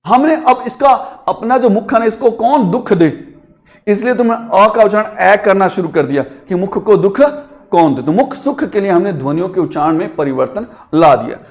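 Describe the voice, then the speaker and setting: A man teaches a grammar class in a high, bright voice. He draws syllables out long to show how they sound, calls words out as if across a distance, and asks his students questions along the way. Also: expressive, moderate pace. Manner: speaks to students directly, asking questions.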